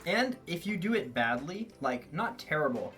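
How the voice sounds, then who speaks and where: A man's voice: fairly high pitch, sing-song, fairly bright tone, recorded from a distance, faint music behind. A man co-hosting a casual show, bantering in an eager, jokey way. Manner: jokey, eager, quick to laugh along. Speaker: science segment co-host.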